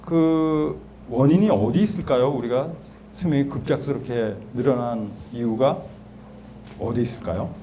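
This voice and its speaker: Lively older man lecturing an audience. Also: mid-range voice, moderate pace. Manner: conversational, asks the audience questions. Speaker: guest lecturer. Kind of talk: public lecture. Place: small lecture hall. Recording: lecture hall with background noise.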